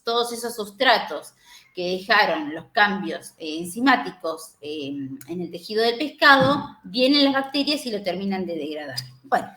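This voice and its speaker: A woman's voice: mid-range voice, a bit bright. A woman from the River Plate region giving a university lecture, explaining step by step, with many fillers and tag questions. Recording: echoey room.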